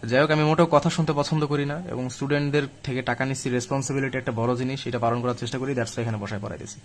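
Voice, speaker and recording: A man's voice: medium pitch, little pitch movement, racing, a little hiss or hum. A young man teaching a live online grammar class to admission students, chatty and direct, though weak from illness. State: weak and ill, speaking slowly.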